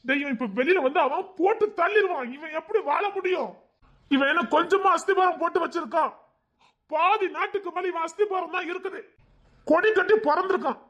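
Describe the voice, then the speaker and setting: A man doing a high, scolding older-brother ally. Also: brisk. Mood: urgent. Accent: Tirunelveli Tamil. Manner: pressing, scolding, rising to shouts. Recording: dull lo-fi recording.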